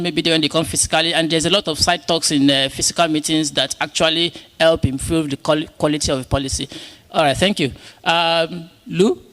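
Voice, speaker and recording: A man's voice: a little high, a bit bright. Hesitant man chairing a hall meeting. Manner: hesitant, many filler sounds. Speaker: session chair. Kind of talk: moderating a public policy meeting. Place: large conference hall.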